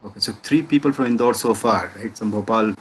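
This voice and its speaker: A man teaching a class, briskly calling names and acknowledging each student over a video call. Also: lowish voice, slight background noise, low-quality recording. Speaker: college instructor. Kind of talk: online class roll call.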